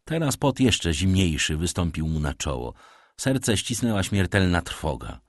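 Male audiobook narrator, low husky voice, lively intonation, dry close sound. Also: unhurried, no room sound. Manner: expressive, dramatic storytelling.

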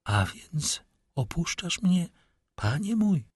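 Young devoted woman, as a male reader puts her on, tender, pleading, husky, dry sound. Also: medium pitch, very animated, measured pace, no room sound. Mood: sorrowful.

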